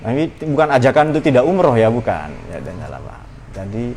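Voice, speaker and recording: A man's voice: mid-range voice, very animated, fast, darkish tone, a little hiss or hum. A man giving an informal religious study talk, conversational and playful, with many rhetorical questions. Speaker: Islamic religious teacher.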